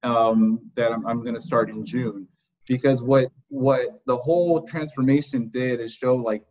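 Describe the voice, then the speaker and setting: A man in his thirties speaks reflectively as a podcast guest, pausing and restarting often. His voice sits at a middle pitch and comes through slightly dull, lo-fi audio. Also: fairly even intonation, darkish tone. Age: 30s. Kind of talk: casual interview.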